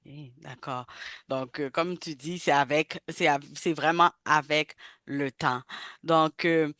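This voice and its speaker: A woman hosting a podcast, welcoming a guest and asking questions in a slow, friendly way with many fillers. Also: sits low, fairly even intonation, fairly bright tone, dry recording, clean studio sound. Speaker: podcast host. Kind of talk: casual interview talk.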